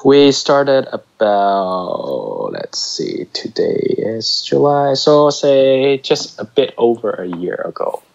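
A man from Hong Kong with a faint American tinge to his English speaks as a startup co-founder guest in a casual interview, hesitating often with fillers and restarts. His medium-pitched voice swings widely in pitch, moves slowly, and carries vocal fry and a darkish tone. The recording sounds muffled.

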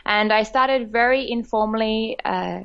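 A woman's voice: a little high, measured pace, smooth, highs cut off. A woman from Australia, telling her story in a podcast interview, chatty and full of fillers. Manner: warm, chatty storytelling with frequent laughs and fillers. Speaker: guest, director of a women's network.

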